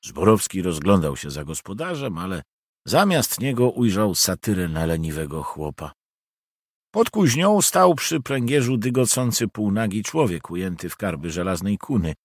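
A man reading a historical novel aloud as an expressive audiobook narrator. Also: low-pitched, normal speed, no echo, clean studio sound. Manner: expressive storytelling.

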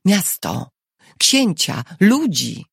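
A woman's voice: on the low side, sing-song, extremely slow, gravelly, breathy edge, dry recording, clean studio sound, voice pushed up, full character voice. Woman voicing a terse, resolute husband. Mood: tense, firm. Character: tense, resolute husband accused of treason.

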